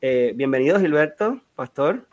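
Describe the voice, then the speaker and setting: A man with a slightly high voice and lively intonation hosts a casual podcast interview at a moderate pace, with the high frequencies cut off. He sounds hesitant, filling his speech with fillers and tag questions like "¿verdad?".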